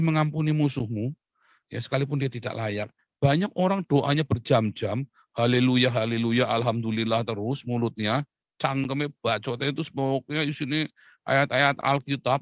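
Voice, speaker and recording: A man preaching a casual sermon, lively and chatty, with many rhetorical questions and short chuckles. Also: medium pitch, no room sound. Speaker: pastor.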